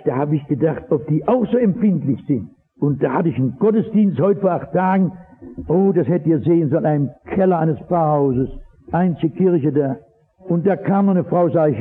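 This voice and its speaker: A man preaching a sermon, impassioned, swinging from loud exhortation to low earnest asides. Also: breathy edge. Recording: tinny old radio broadcast.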